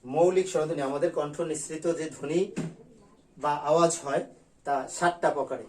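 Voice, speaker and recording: A male teacher teaches an online grammar class. His voice sits a little high, and he repeats each vowel sound slowly so students can drill it. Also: fairly even intonation, a little mellow, slight background noise. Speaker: school teacher.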